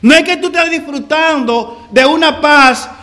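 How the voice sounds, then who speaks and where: High-voiced, bright preaching man. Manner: preaching with slow drawn-out emphasis and sinking phrase endings; addresses listeners as brother. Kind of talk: sermon.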